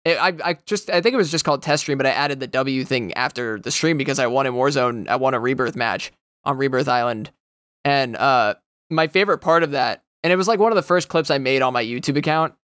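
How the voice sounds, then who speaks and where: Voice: mid-range voice, fairly quick, dry recording, clean studio sound. A young adult podcast co-host chatting casually, rambling and swearing often. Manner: rambling, swears a lot, breaks into loud goofy impressions. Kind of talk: casual chat.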